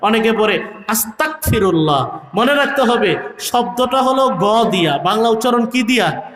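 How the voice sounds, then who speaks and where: A man preaching a sermon, calling out loud peaks and singing some phrases in a rhythmic delivery. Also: sits high, moderate pace, echoey room. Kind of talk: Bengali waz sermon.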